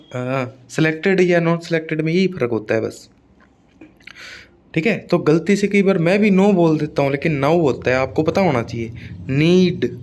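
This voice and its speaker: A young man with a Hindi-speaking Indian accent teaching exam phonetics, drilling words slowly and checking in with students. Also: on the high side, a little mellow. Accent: Hindi-speaking Indian English. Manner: slow, repetitive drilling with frequent checks. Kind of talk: classroom lecture on phonetics.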